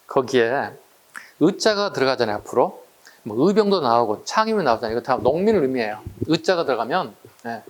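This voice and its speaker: A man's voice: medium pitch, big pitch swings, brisk. A man teaching an exam-prep history lecture, chatty and full of rhetorical questions to his students.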